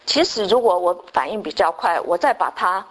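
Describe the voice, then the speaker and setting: A woman's voice: fairly low pitch, expressive, normal speed, rough recording. An older woman sharing a personal faith testimony, telling her story with many filler words and restarts and dropping in English words. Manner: sprinkles English words into speech. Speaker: church testimony speaker.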